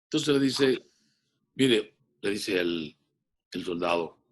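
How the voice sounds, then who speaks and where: A man's voice: lowish voice, expressive, slow pace, slight background noise. A man, a rabbi, giving a sermon and retelling a story in a solemn way, often restarting his words.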